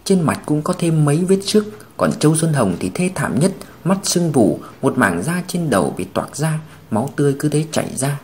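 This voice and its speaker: Expressive male audiobook narrator. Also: fairly high pitch, normal speed. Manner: expressive, dramatic. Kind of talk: dramatic audiobook reading.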